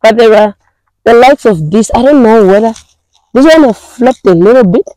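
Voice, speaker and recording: Hoarse woman on a garden tour. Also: fairly high pitch, lively intonation, moderate pace, mellow, no room sound, rough recording. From Namibia. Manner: chatty, hesitant, with many fillers and restarts. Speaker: gardening vlogger. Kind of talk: casual garden tour talk to viewers. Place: outdoors in a backyard garden.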